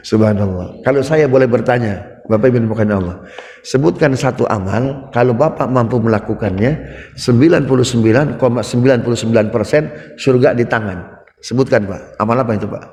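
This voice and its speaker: A man preaching a hadith lecture in a large mosque, lively, often asking his listeners questions. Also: mid-range voice, normal speed. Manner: lively, keeps asking the audience questions and tags "Pak". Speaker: Islamic preacher. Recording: echoey hall with long reverb.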